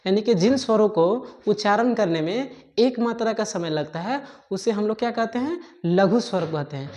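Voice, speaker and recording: A woman teaching a grammar lesson, dictating notes slowly and repeating each point with frequent checking fillers. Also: mid-range voice, lively intonation, darkish tone.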